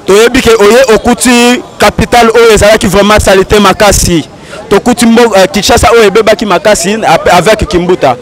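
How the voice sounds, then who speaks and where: A man's voice: high voice, brisk, a faint crowd. A man giving an earnest, insistent street interview outdoors in a city. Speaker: interviewee, party supporter.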